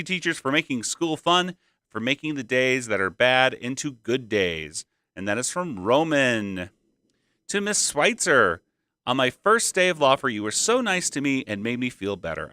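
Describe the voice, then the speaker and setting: Man, school announcer, bright and crisp, dry close sound, playful upbeat delivery. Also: medium pitch, dry recording. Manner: upbeat, playful, reading notes aloud. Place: school library.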